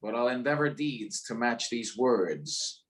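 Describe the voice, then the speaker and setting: A noble warrior prince, played by a man, defiant and formal. He declaims in Shakespearean stage manner in a voice of average male pitch. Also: lively intonation, unhurried, natural voice. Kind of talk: theatrical Shakespearean stage acting.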